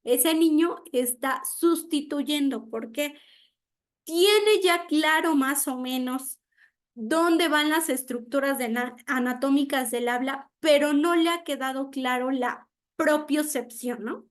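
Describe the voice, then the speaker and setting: A woman's voice: sits high, slow pace. A woman giving an online speech therapy lecture. She explains with everyday examples, often checks in with "¿no?", and acts out how children mispronounce words.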